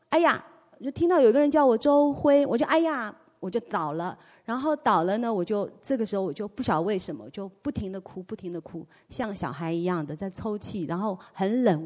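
A woman's voice: medium pitch, darkish tone, long reverb tail. A woman giving an emotional, earnest spoken testimony in a church, her voice rising and falling with feeling. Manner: emotional, earnest, reenacts her own cries.

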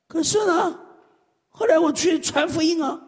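A man preaching a sermon, swinging between loud exclamations and low murmured amens. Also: measured pace. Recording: echoey hall.

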